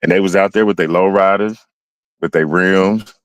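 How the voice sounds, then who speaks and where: Deep-voiced man telling stories casually. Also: normal speed, no room sound, low-quality recording. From Ohio. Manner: animated storytelling, acting out other people's lines. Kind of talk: casual chat.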